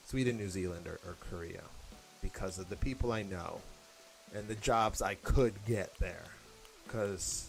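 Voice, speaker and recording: A young American man chatting casually and rambling while he plays a game, laughing now and then. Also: lowish voice. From United States. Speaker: gaming vlogger.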